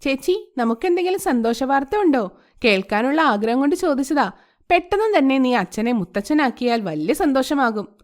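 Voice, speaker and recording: A woman's voice: high-pitched, big pitch swings, moderate pace. A woman voicing a caring young college student sister who asks worried, coaxing questions in a storybook tale. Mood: hopeful. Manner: concerned, coaxing.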